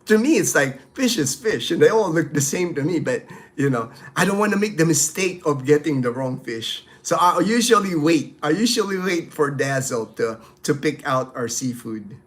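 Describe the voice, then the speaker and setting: A middle-aged Filipino man, a native Tagalog speaker, hosts a live stream and casually works through viewer questions, full of fillers and restarts. His voice sits a little high with lively intonation, and he talks at a normal speed with hardly any pauses.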